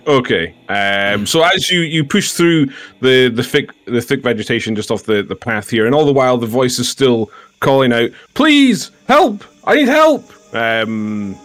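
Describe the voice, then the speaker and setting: A man's voice: medium pitch, moderate pace, fairly bright tone, no room sound, soft background music. A man running a tabletop game as game master, describing scenes with frequent ums.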